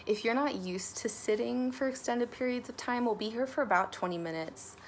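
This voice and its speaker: A woman leading a guided meditation in a relaxed, conversational way, with casual fillers and the odd soft laugh. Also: a little high, a little fast, a little hiss or hum. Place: home, sitting on folded blankets.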